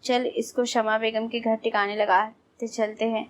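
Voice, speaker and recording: A woman's voice: a little high, little pitch movement, close to an everyday voice. A boastful, domineering mother, as a woman narrator reads her. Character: proud, domineering middle-aged mother.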